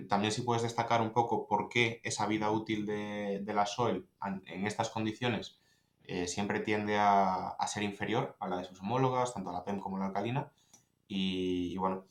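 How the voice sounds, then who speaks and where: A man's voice: fairly low pitch, steady tone, normal speed, echoey room. A man with an accent from Spain, hosting a podcast and asking long, winding questions with frequent restarts. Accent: Spain Spanish. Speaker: podcast host. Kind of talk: interview questions.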